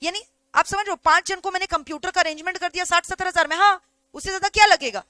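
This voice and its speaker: Chatty Indian woman teacher, bright high voice. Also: quick pace, dry recording. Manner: chatty, keeps asking if students follow. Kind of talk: online lecture.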